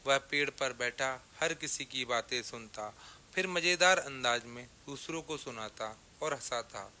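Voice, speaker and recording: A man tells a children's story at an unhurried pace, in a bright, clear voice. Each line is read slowly and deliberately. A faint hiss sits under the recording. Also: mid-range voice. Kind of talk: scripted children's story narration.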